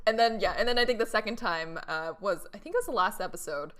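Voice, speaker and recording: A woman's voice: medium pitch, fast. A young woman co-hosting a podcast, giggling as she retells scenes in a casual chat. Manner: giggly, animated retelling with quoted lines. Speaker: podcast co-host.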